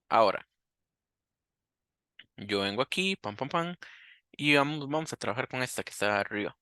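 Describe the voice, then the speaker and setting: A man's voice: medium pitch, sharp tone, dry recording, clean studio sound. A man teaching a coding lesson, thinking aloud and asking himself questions as he works. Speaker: programming teacher. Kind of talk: screen-recorded coding lesson.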